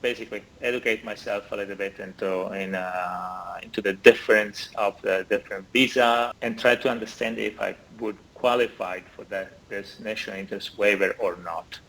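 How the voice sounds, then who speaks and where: Captured through a laptop or phone camera with poor audio, a forties-aged Italian man with an Italian accent appears as an interview guest on a video call in an indoor room. His speech is hesitant, packed with fillers and restarts, in a lowish, creaky voice with a fairly bright tone.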